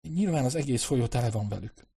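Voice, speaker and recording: A man's voice: mid-range voice, expressive, warm tone, breathy edge. A man reading the lines of an anxious, doubtful young woman explorer in an audiobook. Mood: disgusted.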